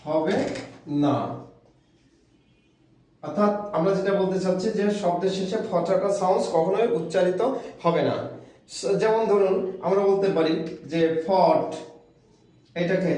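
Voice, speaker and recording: A man teaching English pronunciation in a video lesson, repeating each rule slowly and with emphasis. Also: high-pitched, warm tone. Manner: slow, emphatic repetition of rules. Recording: very echoey room.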